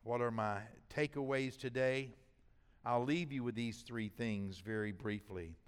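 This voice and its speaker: An older man preaching a sermon as pastor, swinging between loud build-ups and hushed asides. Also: mid-range voice, steady tone, a little slow, clean tone, big-room sound.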